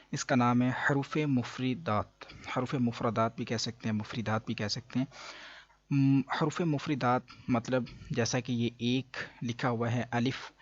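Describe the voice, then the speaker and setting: A man gives a slow, patient beginner lesson in reading Arabic letters, stopping often and drawing out each sound so learners can copy it. His voice sits at an ordinary middle pitch. The recording is dry and slightly muffled, with no room echo. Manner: slow and explanatory, with frequent pauses and fillers. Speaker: Quran reading teacher.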